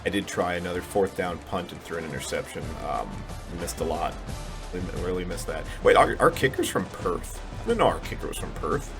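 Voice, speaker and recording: Music plays behind a gaming channel host as he comments on his video game in a low, expressive voice. He talks a little fast, keeping the let's-play chatter casual, mumbly, and self-deprecating.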